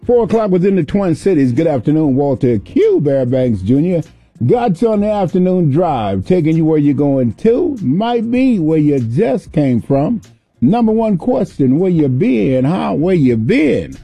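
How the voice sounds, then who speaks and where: Slow-talking dark-voiced radio host man. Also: a little high, sing-song, slightly rough, dry recording, faint music behind. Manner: slow, drawn-out, repeats himself. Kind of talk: radio interview.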